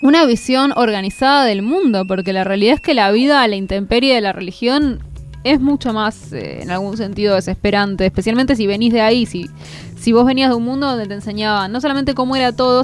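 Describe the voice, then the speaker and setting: Lively Argentine woman, higher voice. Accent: Rioplatense Spanish. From Buenos Aires, Argentina. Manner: lively, expressive, laughs easily. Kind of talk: casual conversation.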